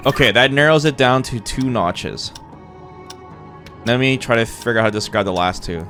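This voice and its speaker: A man's voice: medium pitch, moderate pace, a bit bright, faint music behind. A man streaming a co-op puzzle game, thinking aloud and laughing often as he talks to his partner. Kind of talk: casual co-op game chat.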